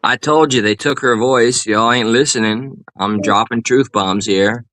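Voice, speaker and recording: A man with a bright, ringing voice keeps up improvised joking banter on a live stream. He slides into mock-serious speeches and fake outrage for laughs. The sound is close and dry. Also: mid-range voice, a little slow, no echo. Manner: goofy mock-serious riffing, playful put-on outrage.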